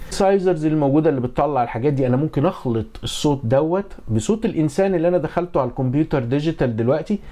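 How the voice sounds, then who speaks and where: In a small home studio indoors, a middle-aged man with an Egyptian accent explains music and audio engineering in a relaxed, chatty tutorial manner, tossing out rhetorical questions. His voice is mid-range with a dark tone.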